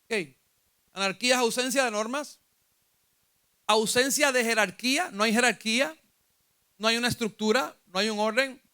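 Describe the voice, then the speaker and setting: A man's voice: very high-pitched, moderate pace, long pauses, pushed and bright, smooth. A man with a Puerto Rican accent preaching a sermon as pastor, asking his congregation questions and rising when he retells scripture. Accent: Puerto Rican Spanish.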